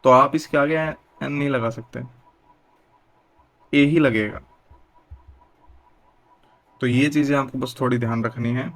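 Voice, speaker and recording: Young guy teacher, explains grammar slow and patient, asks then answers himself. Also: mid-range voice, steady tone, fairly bright tone.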